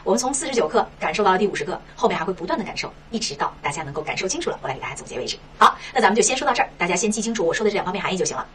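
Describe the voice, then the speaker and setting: A woman English teacher talks at a breakneck pace with a bouncing, animated pitch. She explains step by step, answering her own rhetorical questions. She sounds a bit distant from the mic over a faint hiss. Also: racing, hardly any pauses. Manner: lively, rhetorical questions, frequent "是吧". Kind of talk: explaining textbook lesson.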